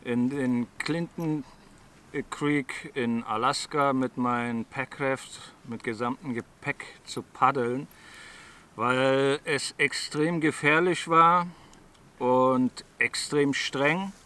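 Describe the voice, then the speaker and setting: A man from Berlin, a touring cyclist, speaking in a deliberate way. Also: medium pitch, fairly even intonation, pushed and bright. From Berlin, Germany. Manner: slow, deliberate. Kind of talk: interview recollection. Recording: distant from mic, faint music.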